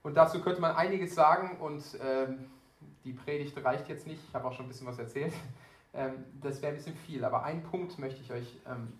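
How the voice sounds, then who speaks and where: A man's voice: on the high side, fairly quick. A young man giving an earnest, conversational sermon with frequent fillers. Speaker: preacher. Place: church hall. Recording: echoey church hall.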